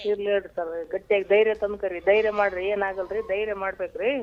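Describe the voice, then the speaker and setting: A woman's voice: medium pitch, flat delivery, fast talker. A woman from Raichur with a North Karnataka accent, earnestly consoling a caller on the phone and repeating herself. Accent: North Karnataka Kannada. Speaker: prank call target. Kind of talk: phone call. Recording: muffled phone line with music.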